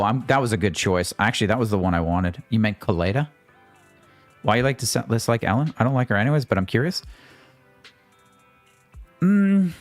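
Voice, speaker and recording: A man's voice: medium pitch, no echo. A man streaming a video game, giving casual, joking commentary and swearing freely. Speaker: gaming livestreamer. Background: faint game music.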